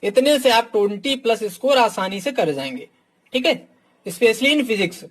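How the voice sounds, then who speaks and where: A man's voice: high voice, lively intonation, measured pace, fairly bright tone. Frank male coach, constant "theek"s. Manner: fills nearly every phrase with "ठीक"; talks straight to students, calling them "my dear". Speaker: exam coach reviewing books. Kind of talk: casual teaching talk.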